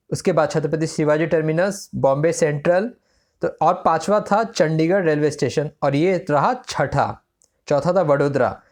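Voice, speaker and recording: An exam-prep tutor runs through current affairs. The tutor poses a quiz question, then answers it. The tutor switches freely between Hindi and mid-sentence, at a pitch of middling height. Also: darkish tone.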